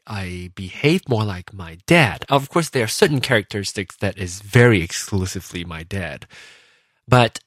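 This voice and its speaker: A man hosting a podcast, talking casually and reflectively about himself, often pausing and rephrasing as he thinks aloud. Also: lowish voice, dry recording, clean studio sound. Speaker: podcast host. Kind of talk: casual reflective personal monologue.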